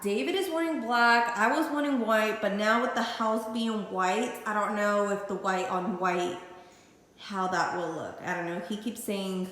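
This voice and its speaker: A big, hall-like echo surrounds this woman's voice as she vlogs from inside a bare, emptied house. She talks casually and informally to her viewers at a middling pitch, rambling a little as she goes. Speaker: vlogger, channel host. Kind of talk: casual home vlog chat to camera.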